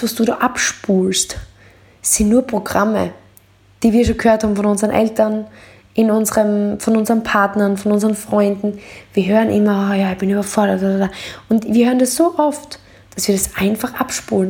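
A woman hosting a motivational coaching podcast, speaking earnestly and straight to the listener, and sometimes dramatizing worries in quick, heightened bursts. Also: mid-range voice, gravelly, mellow. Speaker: podcast host.

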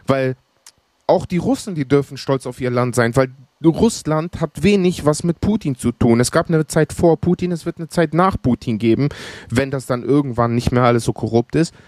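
A man's voice: mid-range voice, moderate pace, a little mellow, no room sound, studio quality. A man co-hosting a podcast, speaking earnestly in casual talk and repeating points for emphasis. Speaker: podcast co-host. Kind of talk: casual conversation.

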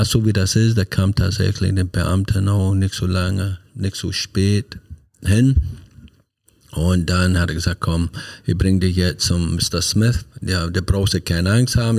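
Low, gravelly man from Scotland. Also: darkish tone, no echo, clean studio sound. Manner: earnest, halting storytelling in non-native German. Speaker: podcast guest. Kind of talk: personal life story in an interview.

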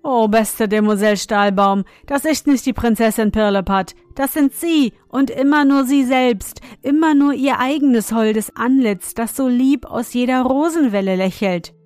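A woman's voice: on the high side, a little mellow, dry recording, faint music behind, voice pushed up, close to an everyday voice. Woman doing a courtly nutcracker prince. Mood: earnest. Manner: courtly, hurried. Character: gallant wooden nutcracker prince, earnest and courtly.

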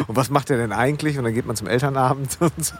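German podcast host in his 40s, chatty and a bit halting, mid voice, slight background noise. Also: medium pitch. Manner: warm, chatty, with hesitant restarts. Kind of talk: casual podcast conversation.

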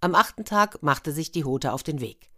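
A woman with a very low-pitched voice reads a fairy tale aloud. She speaks in a chatty, friendly manner and slips in asides to her listeners. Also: lively intonation, normal speed, a bit bright. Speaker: storyteller.

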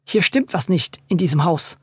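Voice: mid-range voice, sing-song, moderate pace, husky, no room sound. A narrator doing an earnest family father. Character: earnest father siding with his sons.

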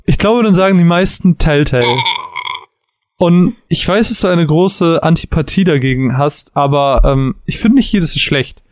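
A man co-hosting a podcast in casual chat about games, relaxed and explanatory. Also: fairly high pitch, normal speed, no room sound, studio quality. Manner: relaxed, explanatory, acts out dialogue. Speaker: podcast co-host.

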